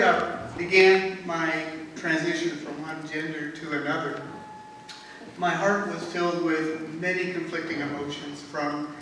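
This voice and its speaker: A woman reading her own rhymed poems at a talent show in a measured, rhythmic way. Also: low voice, fairly bright tone. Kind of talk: poetry reading. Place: talent show stage in a hall. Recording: echoey hall recorded from far off, faint noise.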